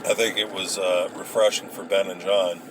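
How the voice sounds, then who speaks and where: A man casually rambling through old memories, halting and hesitant as he searches for details. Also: sits low, flat delivery. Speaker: vlogger recounting memories. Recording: noisy, with vehicle and ambient sound.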